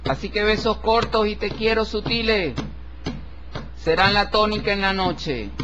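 A man with a very high voice gives a tarot horoscope reading, solemn and formal, addressing the listener with deliberate respect. The recording is dull and lo-fi, with a faint hiss beneath it.

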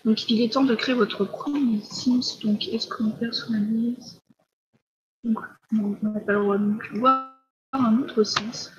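A teenage girl chatting through a live mobile game stream, full of fillers and drifting into soft whispered asides. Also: a little high, fairly even intonation, unhurried, lo-fi sound. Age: teens. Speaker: livestreamer. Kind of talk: casual live gameplay commentary.

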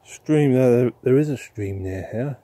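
A man hosting a ghost-hunting vlog outdoors in a churchyard, talking softly to spirits and musing aloud with questions. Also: medium pitch, unhurried, no room sound. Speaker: paranormal investigator host.

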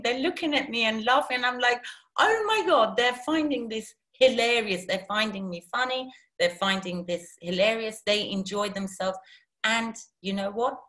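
A woman's voice: a little high, a bit bright. A woman who grew up in Iran, a guest talking casually and animatedly with many restarts. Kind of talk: casual interview talk.

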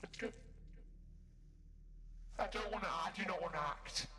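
A man's voice: high-pitched, normal speed, over music. A man giving horror game commentary as a streamer, sounding scared, stammering and exclaiming. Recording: roomy, reverberant, far from mic.

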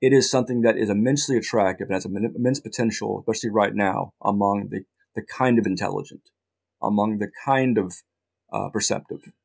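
A middle-aged man, a journalist guest in a casual interview, talking in halting bursts with many restarts and dry asides. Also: on the low side, vocal fry, a little mellow, breathy edge.

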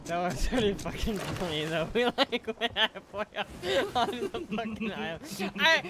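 A man's voice: high-pitched, animated, normal speed, crowd noise. A man chatting casually and swearing as he plays a multiplayer game, often giggly. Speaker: gamer, crewmate steering the ship. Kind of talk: casual banter while playing a multiplayer game. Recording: clear game noise behind voice. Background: boat and water game sounds.

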